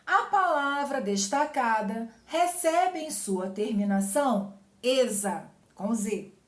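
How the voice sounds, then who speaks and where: A woman teaching spelling for exams, who explains patiently, stretches example words slowly and keeps checking with "certo?". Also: a little high, animated. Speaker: Portuguese teacher. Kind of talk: exam-prep grammar lesson. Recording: echoey room.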